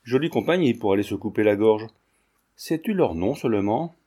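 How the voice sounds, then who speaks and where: A man's voice: fairly low pitch, animated, moderate pace, mellow. A man voicing a shrewd, forthright elderly lawyer who speaks bluntly, in a storybook reading. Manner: blunt, exclaiming.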